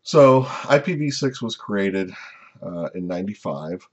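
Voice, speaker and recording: A man teaching a recorded slide lecture, explaining step by step in an unhurried way with frequent "uh" and "um" fillers. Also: low voice, animated, darkish tone, muffled recording. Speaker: instructor.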